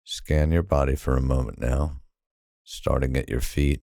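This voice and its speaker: A man with an extremely low voice and vocal fry narrates a guided sleep hypnosis, calm, soothing and unhurried with long pauses. The sound is studio quality with no echo.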